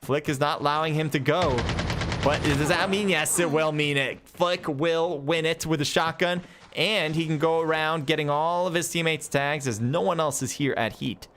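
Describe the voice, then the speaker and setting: A man's voice: on the high side, a little hiss or hum. Man casting a live game over gunfire. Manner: quick excited calls with chatty self-talk asides. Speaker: esports caster. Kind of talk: live play-by-play commentary. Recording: game gunfire and vehicles behind voice.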